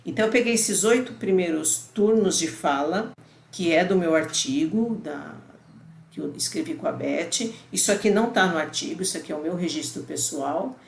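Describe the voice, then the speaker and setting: A woman's voice: fairly low pitch, expressive, moderate pace, gravelly. A middle-aged woman, giving a conversational university lecture and explaining step by step, often checking in with the listener. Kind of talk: recorded online lecture. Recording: roomy echo with faint background noise.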